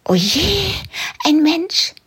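A woman voicing a small, frightened male rabbit in a storybook reading, squeaky and panicky. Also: big pitch swings, extremely slow, fairly bright tone, exaggerated voice. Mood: worried.

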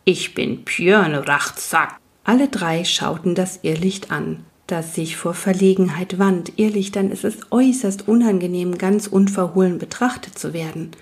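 A woman reading a fantasy storybook aloud as narrator, in a calm, even storytelling manner. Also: lowish voice, moderate pace, hardly any pauses. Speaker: audiobook narrator.

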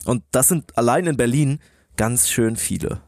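A male podcast co-host tells stories conversationally in a dry recording with almost no room sound. His pitch sits in the middle of the male range. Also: normal speed, a little mellow, no room sound.

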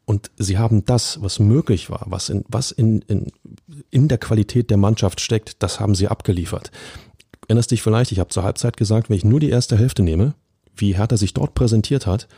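Male football pundit, deep husky voice, dry close sound, emphatic colloquial podcast chat. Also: fairly quick, warm tone, dry recording. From Berlin. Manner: emphatic, colloquial, addresses listeners directly.

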